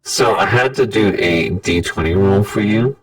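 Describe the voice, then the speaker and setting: A man's voice: on the low side, measured pace. A man running a roleplay game as game master, talking through a voice changer, casual, joking and swearing. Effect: voice changer altering his voice. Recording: distant mic with loud music.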